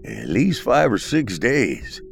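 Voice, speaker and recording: A man's voice: lowish voice, wildly swooping pitch, slow, gravelly, soft background music, voice pushed up, exaggerated voice. A man voicing a matter-of-fact male medical examiner in an audiobook, speaking dry and clinical.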